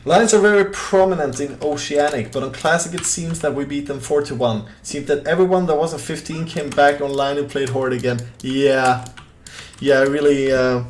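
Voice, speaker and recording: While gaming and reading his chat, this young man from southern Sweden rambles in an easygoing way, full of fillers and restarts, his Swedish accent clear. His voice is medium in pitch, and the recording has a little hiss or hum.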